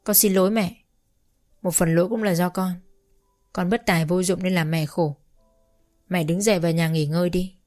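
A woman's voice: lowish voice, fairly even intonation, moderate pace, pauses often, darkish tone, soft background music, close to an everyday voice. A woman voicing a meek grown son who pleads and apologizes to his mother. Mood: pleading.

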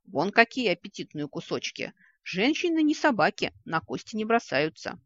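Reader doing a joking young brother, mock-serious, animated, dry close sound. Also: medium pitch, normal speed, no room sound, voice pushed up. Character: young man, quick-witted brother, playful joker. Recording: dry, slightly dull recording.

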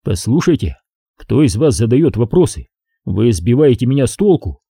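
Man reading a nervous, defensive scientist, warm husky voice, lively intonation, dry studio. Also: medium pitch, normal speed, dry recording. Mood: anxious. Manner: anxious, defensive. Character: nervous male scientist under questioning. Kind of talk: audiobook character voice.

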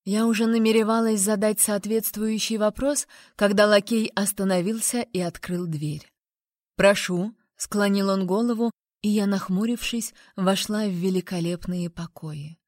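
Female audiobook reader, first-person romance, mid-pitched, expressive, dry studio sound. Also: normal speed, hardly any pauses, dry recording. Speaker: audiobook narrator.

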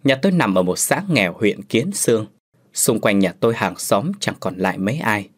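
A man narrating a first-person story as a storyteller in scripted narration, with lively, expressive delivery. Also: lowish voice, normal speed.

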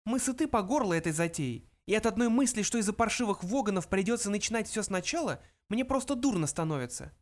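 Reader doing a high-pitched lab mouse, pompous, brisk, cynical, lecturing, audiobook. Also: expressive, natural voice. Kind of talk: audiobook character reading.

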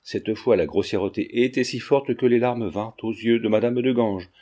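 A man narrating a novel in a steady, measured audiobook reading. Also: lowish voice.

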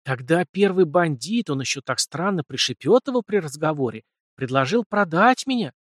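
A frightened, naive young woman, voiced by a male narrator in an audiobook, speaking softly and hesitantly a little above his own pitch. Her questions come slow and unsure. The sound is dry and close to the mic. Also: lively intonation, no room sound. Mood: anxious. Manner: soft, hesitant, lightly raised voice.

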